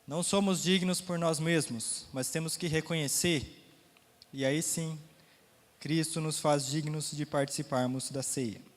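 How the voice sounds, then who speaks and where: A man's voice: on the high side, steady tone, unhurried, in a large hall. A man with a Brazilian Portuguese accent teaching a Sunday school Bible lesson, talking casually, quizzing the class, his throat a little sore.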